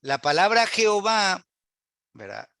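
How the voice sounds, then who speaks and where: A man's voice: sits high, sing-song, a little slow, sharp tone, dry recording. A man teaching a Bible Hebrew class to a church group, earnest and full of rhetorical questions, quoting scripture aloud.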